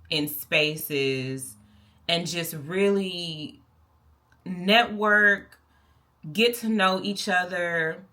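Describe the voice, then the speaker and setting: A woman's voice: fairly low pitch, bright, forceful tone. A woman with a Texan accent, vlogging to camera in a chatty, playful, colloquial way. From Texas. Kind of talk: casual vlog talk to camera.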